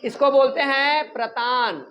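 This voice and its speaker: A man teaches a class in an animated, joking way, quizzing and teasing his students and snapping at the chatty ones. He sounds like a lively classroom lecture. Faint noise sits under his voice. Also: very high voice, unhurried.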